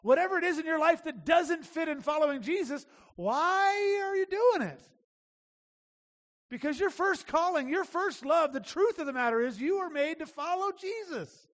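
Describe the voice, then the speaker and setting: High-voiced male pastor preaching in a hall. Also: animated, a little fast, hardly any pauses, a bit bright. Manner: conversational preaching, emphatic repetition. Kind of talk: sermon.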